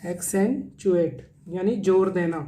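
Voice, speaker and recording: A man teaching exam vocabulary, mixing Hindi explanations with English definitions and spelling words out slowly with many repetitions. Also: high voice, warm tone, slight background noise.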